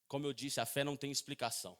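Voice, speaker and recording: A man's voice: medium pitch, steady tone, very fast, a bit bright. A man preaching a sermon in church, telling stories and dramatizing the voices in them. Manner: storytelling preaching, dramatizing quoted voices, sometimes singsong. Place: church sanctuary.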